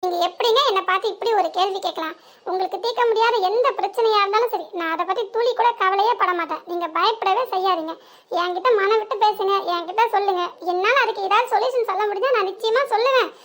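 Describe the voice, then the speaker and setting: Woman doing a young cartoon wife, very high voice, southern tamil nadu accent, teasing and earnest. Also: fast talker, a bit bright. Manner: teasing, then tearful and earnest. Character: emotional young village wife, loyal and teasing. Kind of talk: cartoon voice acting.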